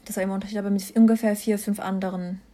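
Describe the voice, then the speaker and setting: A young science student from Mannheim, Germany, appears as an interview guest, talking casually about her own experiences. Her mid-range, dark-toned voice races along with a flat delivery.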